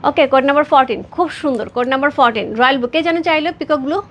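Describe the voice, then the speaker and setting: A woman in her thirties from Bangladesh, hosting a live-stream saree sale with quick, repetitive sales patter and chat with her viewers. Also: high-pitched, lo-fi sound, slight background noise.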